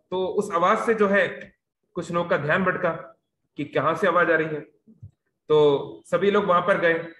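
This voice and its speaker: A man's voice: high voice, a bit bright, echoey room, rough recording. A man giving a devotional youth lecture over a video call. He tells the story in a storytelling way, mixing in English words and using frequent fillers.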